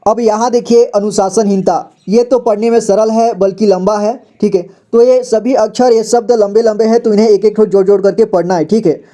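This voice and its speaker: A man teaching reading in a slow, patient lesson, spelling each word out and repeating it several times. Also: sits high, fairly even intonation, warm tone. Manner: patient, repeats each word slowly and often says "ठीक है".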